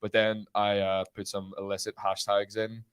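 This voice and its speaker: A man's voice: lowish voice, completely flat delivery, normal speed, clean tone, dry recording. A young man, a podcast guest bantering in casual chat.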